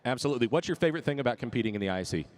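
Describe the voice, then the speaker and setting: A man's voice: mid-range voice, animated, racing. A man interviewing contestants in a friendly, upbeat, complimentary manner. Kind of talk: casual backstage interview.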